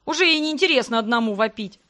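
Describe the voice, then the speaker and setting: A teasing, grumbling young man trading jabs with his sister in an audiobook, voiced by a woman reader. He mocks and complains in a fairly high voice. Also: lively intonation, fast, sharp tone. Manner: mocking, grumbling banter. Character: cocky teasing young man, heroine's brother.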